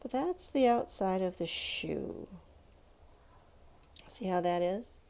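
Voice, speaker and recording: Speaking slowly and expressively, this woman has a medium-pitched, creaky voice with a darkish tone. She teaches art to children, guiding them informally through a drawing one step at a time while thinking aloud, offering encouragement, and addressing them with "let's" and check-ins.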